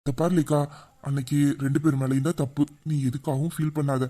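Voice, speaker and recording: A man's voice: a little high, little pitch movement, fast talker, mellow, natural voice. A man voicing a young man in an audio drama who patiently comforts and reassures his tearful best friend. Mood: soothing. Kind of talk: emotional audio drama acting.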